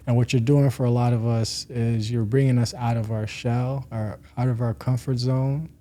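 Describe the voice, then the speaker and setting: Mellow-voiced man, chatty podcast guest. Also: mid-range voice, flat delivery, normal speed. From Rwanda. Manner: warm, chatty, many fillers and laughs. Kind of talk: casual interview chat.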